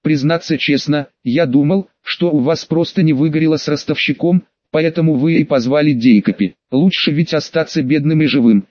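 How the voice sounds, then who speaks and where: A man's voice: fairly high pitch, no room sound, close to an everyday voice. A man playing a sly, talkative male schemer who speaks in a glib, mocking, evasive way. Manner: glib, mocking, quick-witted. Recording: dull dry close-mic recording.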